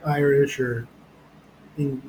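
Man, podcast co-host, crude jokey banter, mid-pitched, noisy background hiss. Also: little pitch movement, takes it slowly, darkish tone. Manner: crude, joking, laid-back. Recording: noticeable background noise.

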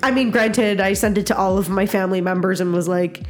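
A woman's voice: brisk, soft background music. Stuffy-nosed woman, casual podcast host. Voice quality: stuffy nose, congested; low, raspy. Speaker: podcast host, social worker. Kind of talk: casual chat.

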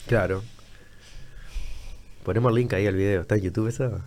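A man with a Uruguayan accent hosting a casual chat, chatty and quick to jump in. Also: on the low side, fairly even intonation, darkish tone, slight background noise. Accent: Uruguayan Spanish. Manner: fast, chatty, interjecting. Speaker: host. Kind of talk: casual conversation.

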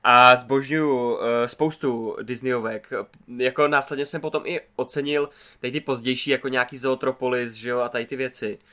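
A man from Czechia talks casually as a co-host on a film podcast. His voice is bright and forceful. He rambles, restarts his sentences and swears offhandedly. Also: medium pitch, fairly even intonation. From Czech Republic. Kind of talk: casual chat.

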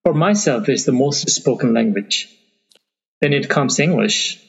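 A Bengali-speaking man from Bangladesh is a guest in a conversational interview, thinking as he talks, pausing often and using many fillers while he searches for words. His medium-pitched voice is gravelly with a breathy edge and lively intonation. The audio is muffled and lo-fi, with long reverb.

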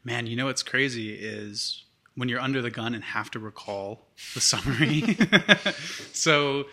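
A man hosts a podcast and walks through a movie plot in loose, rambling chat. His voice is very bright and crisp. He laughs often and fills gaps with "um" and "like". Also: mid-range voice, unhurried. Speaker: podcast host summarizing a movie. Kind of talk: casual chat.

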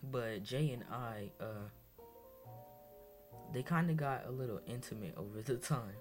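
A man's voice: mid-range voice, unhurried, faint music behind. A young man from Massachusetts hosting his first solo podcast, talking in a rambling, hesitant way full of fillers and restarts, sounding tired. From Massachusetts, USA. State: tired, low on energy. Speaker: podcast host. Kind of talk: casual solo podcast monologue.

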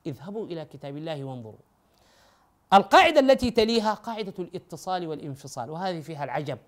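A man's voice: a little high, sing-song, racing. A man giving a methodical lecture on scripture and spelling rules, reciting verses and speaking directly to his listeners. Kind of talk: explanatory religious lecture.

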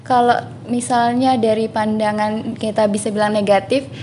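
Young woman, relaxed and thinking aloud. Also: fairly high pitch, moderate pace, slight background noise. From Java. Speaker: guest. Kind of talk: casual interview chat.

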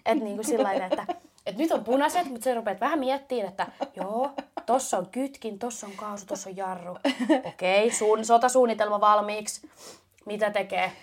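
A young woman with a Finnish accent telling a funny story on a podcast, animated and laughing. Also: mid-range voice. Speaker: podcast co-host. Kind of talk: casual storytelling chat.

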